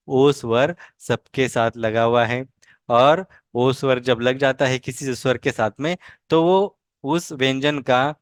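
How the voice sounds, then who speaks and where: Guy teaching vocab, says every word real slow a few times then explains it, dry close sound. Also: mid-range voice, dry recording. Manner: repeats each word slowly several times, then explains in a patient teaching tone. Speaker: language teacher.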